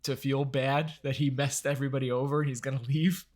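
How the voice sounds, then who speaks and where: A man's voice: medium pitch, little pitch movement, darkish tone. A man co-hosting a film podcast in casual chat, often restarting his sentences. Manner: halting, restarts sentences, many fillers. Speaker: podcast co-host.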